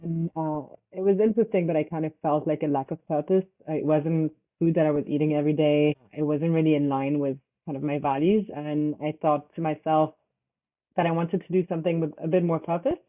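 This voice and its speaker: A young Swiss woman who founded a startup answers interview questions loosely and haltingly, filling her speech with fillers. Her voice is low with fairly even intonation, heard over a tinny, phone-like line.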